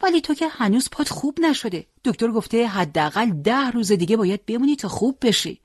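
A storyteller voicing a caring hospital nurse, concerned and gently firm, in a dry recording. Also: medium pitch, very animated, no echo, pitched above the performer's own voice. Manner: concerned, coaxing.

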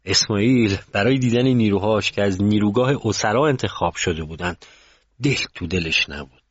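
Low-voiced male storyteller, calm and measured, dry, dull recording. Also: breathy edge, no room sound. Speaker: narrator. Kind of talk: scripted story narration.

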